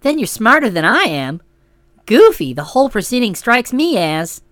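Woman doing a blunt, sturdy young lady, dry and brusque, lively lilt, close dry sound. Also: a little high, normal speed, dry recording, pitched below the performer's own voice. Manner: brusque, dry and matter-of-fact. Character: blunt, solid young woman holding a pistol. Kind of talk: audiobook character voice.

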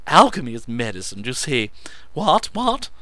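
A man voicing a shrill, excitable, eccentric male alchemist who blathers breathlessly in a squeaky voice. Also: moderate pace, no echo. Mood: manic.

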